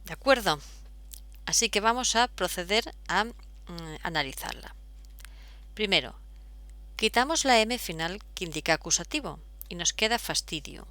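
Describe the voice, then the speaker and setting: A woman's voice: mid-range voice, lively intonation, normal speed, long pauses, bright, forceful tone, dry recording. Patient woman teaching step by step. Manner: patient, step-by-step explaining with frequent fillers. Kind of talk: explaining at a whiteboard.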